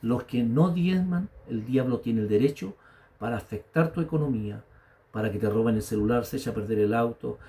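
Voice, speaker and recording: Chilean pastor preaching with a dark voice. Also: male voice, fairly low pitch, steady tone, brisk. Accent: Chilean Spanish. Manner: storytelling preacher, rising to emphatic exhortation. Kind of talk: sermon.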